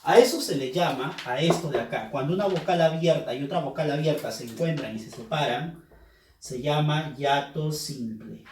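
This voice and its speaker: A male teacher patiently goes through a review lesson, repeating each key term so it sticks. His voice is a little high for a man and his speed normal, while the recording sounds roomy and echoey from a distant mic, with a little hiss or hum.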